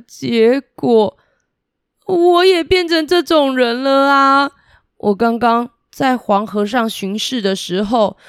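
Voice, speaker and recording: A woman voicing a boastful male river god, who speaks in loud exclamations and stammers when he is astonished. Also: on the high side, clear, resonant tone, dry recording, studio quality, pitched above the performer's own voice, close to an everyday voice.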